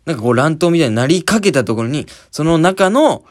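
A man's voice: a little high, expressive, a little fast. A man hosting a podcast, telling a story in a casual monologue and acting out scenes with sound words. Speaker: podcast host.

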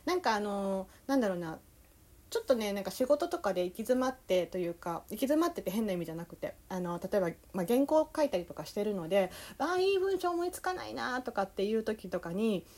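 A young woman with a Kansai accent hosting a relaxed solo talk show, meandering along with plenty of fillers. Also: mid-range voice, fast talker. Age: young adult. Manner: easygoing, meandering, full of fillers. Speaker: podcast host.

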